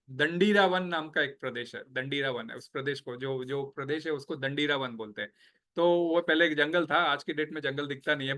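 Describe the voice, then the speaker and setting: A man's voice: on the high side, pushed and bright. A man giving a devotional class and telling a temple story in a conversational way, mixing in English phrases and asking his listeners questions. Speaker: devotional speaker.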